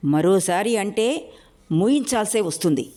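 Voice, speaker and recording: A woman's voice: medium pitch, lively intonation, a little slow, dark tone, voice pushed up, close to an everyday voice. Brief: defiant young village councillor, fierce and roaring, read by a woman storyteller. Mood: furious. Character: angry young man, a bold village council member.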